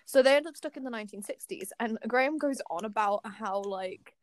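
A woman's voice: on the high side, a little fast. A young woman co-hosting a casual fan podcast, talking in an enthusiastic, rambling way full of fillers and restarts. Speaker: podcast co-host.

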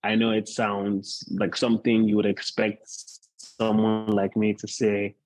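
Low, unhurried male preacher. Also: monotone, darkish tone, no echo, soft background music, rough recording. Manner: unhurried, measured delivery with deliberate repetition. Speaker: guest pastor, teacher. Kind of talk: sermon, informal preaching to an online gathering.

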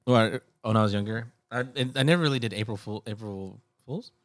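A man co-hosting a podcast, telling a story in halting casual chat. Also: on the low side. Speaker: podcast co-host.

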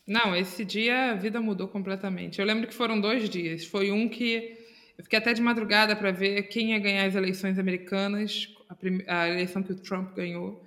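A woman's voice: mid-range voice, fairly even intonation, normal speed, a bit bright. A woman, a podcast guest speaking earnestly in casual chat and repeating words for stress.

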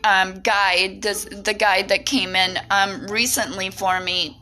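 Bright, rambling woman reading tarot. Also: mid-range voice, flat delivery, takes it slowly, soft background music. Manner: rambling, many fillers and "right?" tags. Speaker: tarot reader. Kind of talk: casual spiritual talk.

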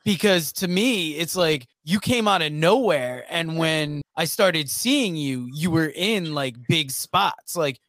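A male interview host who speaks in an easygoing, conversational way. His voice sits a little higher than most men's, and the recording is dry with no room sound. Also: slow, hardly any pauses, dry recording. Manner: relaxed, conversational, with fillers. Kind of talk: casual interview chat.

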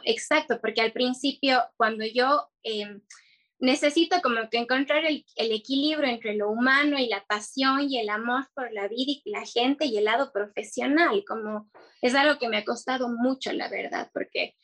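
A young woman, a guest entrepreneur, chats casually in an interview in a fairly high, fairly bright voice at normal speed. She comes across as earnest and hesitant, with many fillers and restarts.

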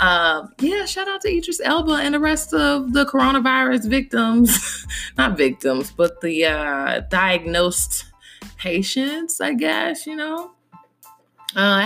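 A woman's voice: medium pitch, a bit bright. A young woman hosting a casual solo podcast from home, blunt and profane, chatting straight to her listeners. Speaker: podcast host. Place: home recording space.

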